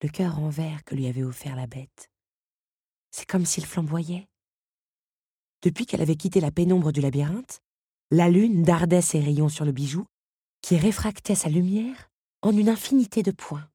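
A woman narrating an audiobook chapter with expressive, dramatic storytelling. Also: low-pitched, moderate pace, long pauses, slightly rough, no room sound, studio quality.

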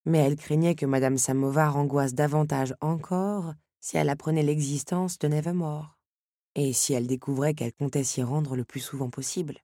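A woman narrating an audiobook in a calm, even storytelling manner, with a husky voice. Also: low-pitched, normal speed, no room sound, clean studio sound.

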